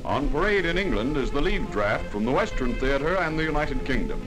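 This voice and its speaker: A man's voice: mid-range voice, sing-song, normal speed, poor audio. A man in a jaunty, punchy manner with wisecracks, narrating a 1940s wartime newsreel as a voice-over. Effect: old newsreel voice-over. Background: music.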